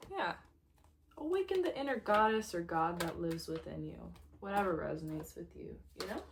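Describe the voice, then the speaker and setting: Gentle woman giving a tarot reading. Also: fairly low pitch, lively intonation, moderate pace, vocal fry, a little hiss or hum. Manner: gentle, reflective, dropping to a soft near-whisper at times; laughs lightly between thoughts. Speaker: tarot reader. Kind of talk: casual tarot reading to camera.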